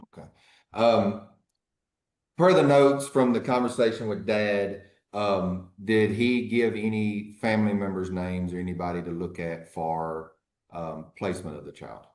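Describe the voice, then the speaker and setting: A man speaking as an attorney in a courtroom recording, formally questioning a witness in a measured, halting way. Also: fairly low pitch, steady tone, darkish tone, echoey room. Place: courtroom hearing.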